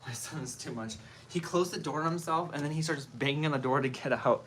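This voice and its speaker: A woman's voice: low-pitched, a little fast, slight background noise. A woman in her thirties hosting a casual livestream at home, greeting commenters by name while doing her makeup. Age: 30s. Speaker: livestream host. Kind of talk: casual live-stream chat.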